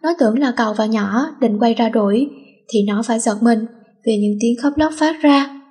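A woman reading a teen novel aloud in a steady, plain storytelling manner. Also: on the high side, moderate pace.

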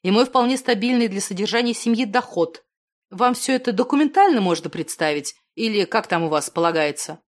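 A woman reading an audiobook, voicing a determined young man who declares his love in a crisp, firm way. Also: medium pitch, expressive, fairly quick, natural voice. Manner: crisp, firm, soldierly delivery. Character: determined young man, a lover proposing firmly.

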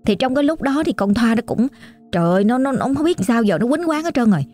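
A woman's voice: fairly high pitch, big pitch swings, fast, warm tone, soft background music. A woman with a Southern Vietnamese accent telling a story in a chatty, colloquial, exclamatory way. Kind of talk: casual oral storytelling.

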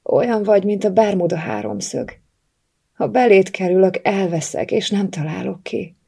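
A woman reading the lines of a lovesick young male police officer in an audiobook, in an intense, low-voiced way. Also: vocal fry, mellow, husky. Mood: longing.

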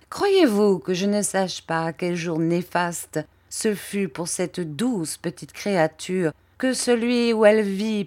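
A woman's voice: fairly low pitch, darkish tone. A woman reader voicing a fiery elderly aunt who scolds with scornful, rhetorical questions.

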